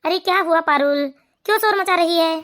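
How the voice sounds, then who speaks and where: A woman voicing a cruel, hot-tempered young husband in an animated family story, with blunt, gruff threats. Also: very high voice, fairly quick. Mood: angry.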